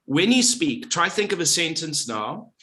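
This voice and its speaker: A man's voice: a little high, very animated, measured pace, pushed and bright. A middle-aged man, a former radio presenter, speaking as a guest on a podcast in a confident, well-projected delivery. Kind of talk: podcast interview.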